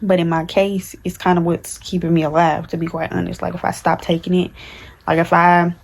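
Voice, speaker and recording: A woman in her early twenties with talks candidly in a rambling vlog chat, full of fillers and restarts. Her voice sits low and stays fairly flat in pitch throughout. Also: brisk, creaky, a little hiss or hum. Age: 20s. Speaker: vlogger. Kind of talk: casual chat to camera.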